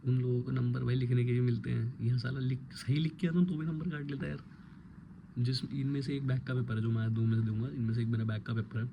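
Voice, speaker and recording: A young man in his twenties, a college student, talks quietly and rambles in a casual late-night vlog at home, recorded close on a phone. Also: medium pitch, background noise. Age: 20s. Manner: hushed, rambling, self-mocking. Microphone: phone held close.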